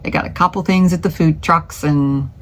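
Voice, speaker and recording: Low-voiced chatty woman vlogger. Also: steady tone, moderate pace. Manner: rambling, many fillers and restarts, chatty. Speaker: small craft business owner. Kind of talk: casual vlog chat. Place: home craft studio.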